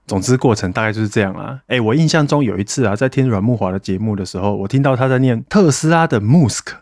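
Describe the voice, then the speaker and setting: A man's voice: fairly low pitch, fast talker, a little mellow, no room sound, clean studio sound. A man from Taiwan hosting a casual solo podcast, chatty and self-mocking as he talks to listeners and thanks donors. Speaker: podcast host.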